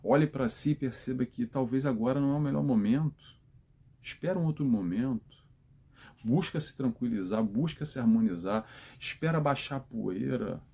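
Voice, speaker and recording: Gravelly, husky man. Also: mid-range voice, normal speed, mellow. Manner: conversational, gives advice straight to viewers. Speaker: spiritist talk host. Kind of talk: informal spiritual talk.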